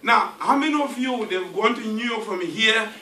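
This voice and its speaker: A man from Zimbabwe gives a jovial, motivational testimony as a guest speaker in a hotel meeting room, joking with the crowd. His voice sits high and sounds animated, pushed and bright at a moderate pace, recorded on a distant mic in an echoey hall with faint noise.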